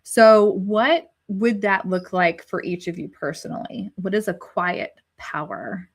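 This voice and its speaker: This panel host, five months pregnant, has a medium-pitched, slightly rough voice and an unhurried pace. She sounds reflective and searching, with frequent restarts.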